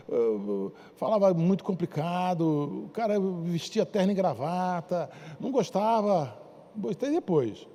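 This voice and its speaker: Husky-voiced Carioca bishop preaching. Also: male voice, high voice, in a large hall. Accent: Carioca Portuguese. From Brazil. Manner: dramatic storytelling, acting out characters' shouts and soft pleas. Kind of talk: sermon. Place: church.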